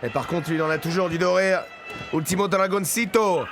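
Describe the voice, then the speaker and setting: A man's voice: sits high, a little fast, a crowd in the background, background noise. A man co-commentating as a lucha libre announcer, enthusiastic and good-humored, explaining in a conversational way. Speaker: wrestling co-commentator.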